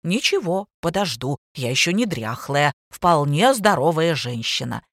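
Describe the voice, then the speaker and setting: A woman's voice: low-pitched, sing-song, unhurried, no echo, clean studio sound, exaggerated voice. A woman reading an audiobook, voicing a stubborn, aging woman who speaks solemnly and insistently.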